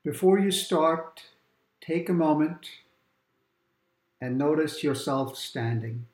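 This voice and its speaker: A man guiding a calm grounding meditation exercise, giving gentle, unhurried instructions with long pauses between phrases. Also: a little high, reverberant. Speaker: meditation guide. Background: quiet background music.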